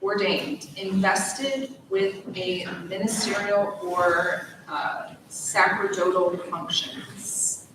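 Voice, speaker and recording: A woman acting as a spelling bee pronouncer, reading out each word and its definition in a measured, formal way. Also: mid-range voice, steady tone, noisy background. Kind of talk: reading words and definitions aloud. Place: large echoey hall or auditorium. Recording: echoey hall recorded from far off.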